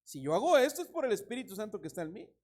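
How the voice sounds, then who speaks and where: High-voiced man preaching a sermon. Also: rapid-fire. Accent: Mexican Spanish. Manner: animated preaching, reads scripture, tells anecdotes with laughter. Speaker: pastor.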